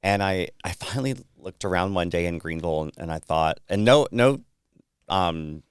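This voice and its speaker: Man, deep voice, smooth tone, dry close sound, candid casual chat. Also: expressive, normal speed, dry recording. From South Carolina. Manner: easygoing, candid storyteller. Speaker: podcast guest, PR firm founder.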